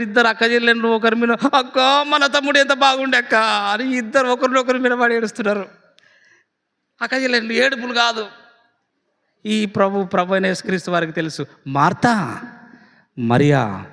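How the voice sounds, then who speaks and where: A man preaching a sermon as pastor, acting out scenes in dramatic storytelling with big swings in pitch and stretched-out words. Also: pushed and bright, long reverb tail. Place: church hall.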